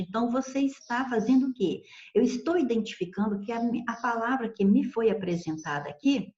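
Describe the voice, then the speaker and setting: A woman's voice: medium pitch, a little mellow, roomy sound, lo-fi sound. A woman teaching grammar in a recorded video lesson, explaining patiently and checking in with "ok?" and "certo?".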